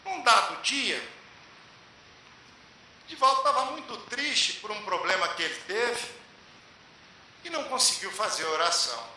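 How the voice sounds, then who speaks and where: A man giving a spiritual lecture to a public meeting, telling a story with measured, emphatic pauses. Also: high voice, expressive, sharp tone. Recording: echoey hall with faint hiss.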